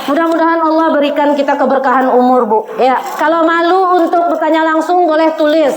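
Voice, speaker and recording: Preaching to a congregation of women, this forties-aged speaker keeps a brisk, high voice with fairly even intonation. She talks conversationally, frequently addressing the audience directly and reciting quotations in Arabic, in an echoey room with faint noise behind.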